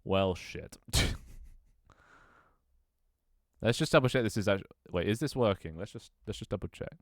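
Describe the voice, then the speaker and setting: At a moderate pace and in a lowish voice, a young man streams a game and chats casually with viewers, talking to himself as he sets up. His delivery is rambling, full of restarts and laughter. Studio quality, no echo.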